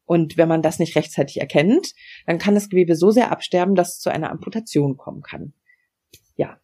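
A woman's voice: lowish voice, fairly quick, warm tone. A woman in her forties telling her own story in a podcast interview, explaining frankly and matter-of-factly with many fillers. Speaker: interview guest.

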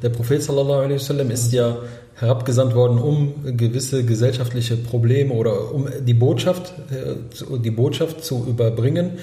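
A man's voice: medium pitch, fairly even intonation, fairly quick, warm tone, reverberant. A man co-hosting a casual talk show, hesitant and searching for words with many restarts. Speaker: podcast co-host. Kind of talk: casual discussion.

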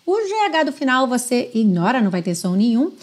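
A woman with a Brazilian Portuguese accent teaching English pronunciation from song lyrics, drawing out the lines slowly and explaining the sounds between them. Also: a little high, big pitch swings. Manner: slow, drawn-out modeling of lyrics mixed with quick explanations.

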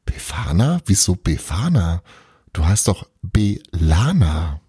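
A man's voice: low-pitched, very animated, normal speed, darkish tone, slightly rough, no room sound, clean studio sound, exaggerated voice. A man voicing a confused kidnapped man who keeps asking puzzled, complaining questions in a storybook. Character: bewildered male kidnapped Christmas guest.

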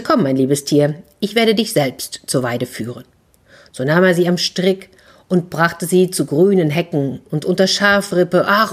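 Woman, storyteller, lower voice, lively, fairy tale for kids. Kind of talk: fairy tale reading for children.

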